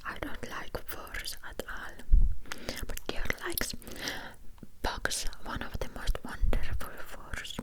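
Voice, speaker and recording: A woman reads a book aloud in a soft ASMR whisper close to the ear, halting now and then over words. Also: poor audio. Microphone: close ear-to-ear ASMR microphone.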